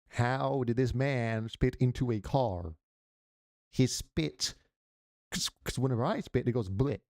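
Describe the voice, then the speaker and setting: A man's voice: mid-range voice, vocal fry, warm tone, clean tone, no echo, clean studio sound. A man giving casual reaction commentary, rambling and joking while mimicking noises. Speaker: reaction channel host.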